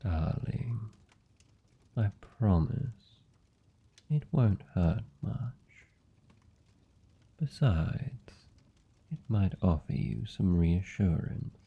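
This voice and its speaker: A British man plays a suave, seductive vampire lord in a fantasy ASMR roleplay, delivering a slow, intimate monologue that is formal, teasing, and coaxing. His commanding, predatory politeness comes across silky and deliberate. The voice is on the low side, expressive, gravelly and husky, and the audio sounds dull.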